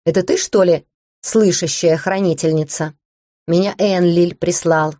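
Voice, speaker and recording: A woman voicing a small, rude, raspy young male dragon who talks in cheeky slang in a storybook reading. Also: on the low side, fairly even intonation, measured pace, mellow, dry recording, clean studio sound, lightly acted. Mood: snappish.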